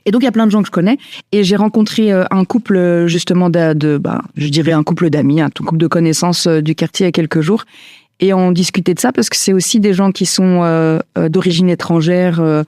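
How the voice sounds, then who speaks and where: A woman in her 40s, a stylist and entrepreneur, is a thoughtful guest in a reflective casual conversation, hesitant and rambling with many fillers and restarts. Her voice sits on the low side, slightly mellow, with a steady tone and a slightly fast pace. The sound is dead-dry and close, with no room sound.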